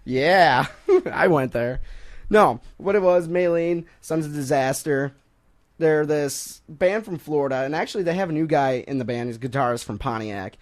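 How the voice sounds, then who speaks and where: A young man hosting a casual sports talk radio show, joking and rambling between topics and quick to laugh. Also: a little high. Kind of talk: casual college radio banter.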